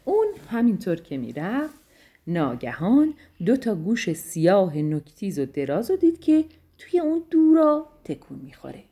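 A woman telling a bedtime story to children in a gentle, affectionate way. Her voice is warm and mellow, with lively, sing-song rises and falls of pitch that bring the tale to life. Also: husky.

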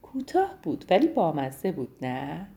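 Gentle woman reading a bedtime story. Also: deep voice, huge pitch swings, gravelly. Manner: affectionate, gentle.

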